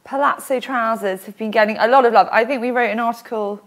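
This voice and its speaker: A woman's voice: on the high side, steady tone, quick pace. A woman, hosting a casual studio chat and laughing often. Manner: chatty, laughs often, gestures while talking. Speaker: host. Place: small studio with floral wallpaper.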